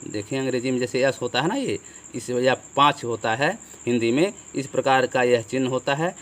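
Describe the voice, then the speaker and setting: A man gives a classroom lesson on Hindi grammar, explaining step by step and answering his own questions. He repeats "ठीक है" and uses rhetorical questions, speaking at a moderate pace in a medium-pitched, slightly bright voice.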